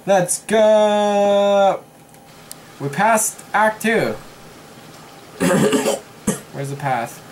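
A let's play host narrates a horror game with an animated, swooping pitch and unhurried delivery. The voice teases a nervous partner and breaks into laughter and exclamations. Noise sits behind the voice. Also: poor audio. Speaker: gamer.

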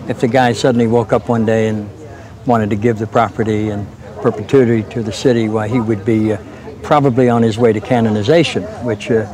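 Male activist, measured and earnest, crowd audible in background. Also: lowish voice, steady tone. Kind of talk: interview.

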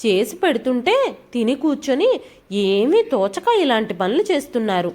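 A woman doing a shrill, scolding daughter-in-law. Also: sing-song, normal speed. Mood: angry scolding. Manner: shouting, scolding.

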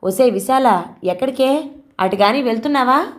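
A harsh older aunt who snaps and scolds, voiced by a woman pitched a little higher than a plain reading voice. She bites off her lines in a storybook tale. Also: normal speed, darkish tone, lightly acted. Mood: scolding. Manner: snapping, scolding.

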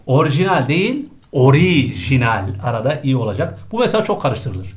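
A man's voice: medium pitch, huge pitch swings, fast talker. A man teaching a spelling lesson for exam prep, quizzing a colleague and repeating each correct answer.

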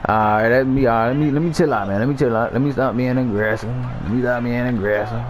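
A man's voice: medium pitch, fast talker, a little hiss or hum. A young man hosting a gaming channel, commentating his own football match with slangy, profane trash talk and repeated hype phrases. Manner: hyped trash talk, laughing, repeating himself. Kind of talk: live gameplay commentary.

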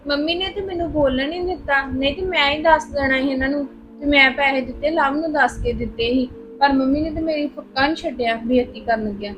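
An actress playing a young daughter-in-law, meek and hurt. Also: female voice, sits high, quick pace, music in the background, natural voice, poor audio. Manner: meek, complaining.

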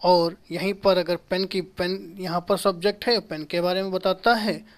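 In a small room, a man in his thirties teaches grammar at a whiteboard, explaining slowly, repeating key terms and answering his own rhetorical questions. His voice is high-pitched with fairly even intonation.

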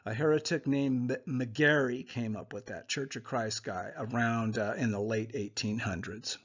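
A man's voice: mid-range voice, moderate pace, a bit bright, husky. A man giving a conversational Bible lesson over slides, often checking in with "okay?" asides. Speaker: Bible teacher. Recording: muffled lo-fi voice recording.

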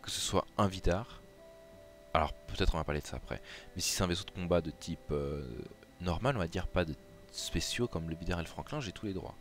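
Low-voiced chatty French gaming YouTuber. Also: male voice, a little fast. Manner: chatty and hesitant, many fillers and restarts. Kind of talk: casual game tutorial commentary. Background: background music.

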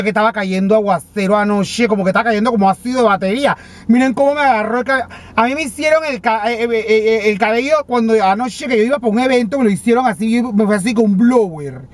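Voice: mid-range voice, close to an everyday voice. A comic performer with a Panamanian accent playing a vain, dramatic female TV personality who complains flamboyantly and stammers, speaking from inside a parked car. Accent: Panamanian Spanish. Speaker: comedy character vlogger. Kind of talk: comedic character monologue.

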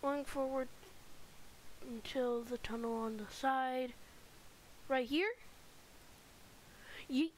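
Female gaming host, high voice, chatty let's-play commentary, home mic with light hiss. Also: steady tone, slow pace, pauses often, rough recording. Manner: chatty, rambling tour-guide narration with fillers.

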